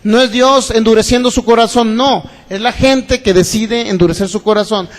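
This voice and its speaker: High-voiced pastor preaching in a hall. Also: male voice, steady tone, normal speed. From Mexico. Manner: preaching with rhetorical questions to the congregation. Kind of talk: sermon. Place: church hall. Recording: long hall reverb.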